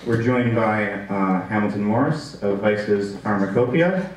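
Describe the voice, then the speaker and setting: A man's voice: lowish voice, unhurried. A man hosting a live event, chatty and upbeat, with many fillers, introducing the speakers to the audience. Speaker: event host and moderator. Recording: echoey room, far from the mic, audible noise.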